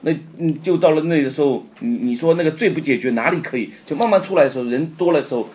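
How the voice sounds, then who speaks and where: A man preaching a sermon, impassioned and confessional, swinging between loud outbursts and quiet, subdued stretches. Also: a little high, fast talker, muffled recording. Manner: personal and confessional, retelling his own despair.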